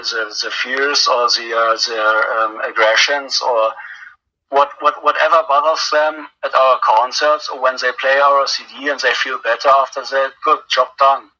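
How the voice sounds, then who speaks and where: A man's voice: medium pitch, bright, forceful tone, muffled recording. A man who drums in a metal band, giving a casual interview while drunk, rambling with lots of hesitations and jokes. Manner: rambling, hesitant, tipsy and joking.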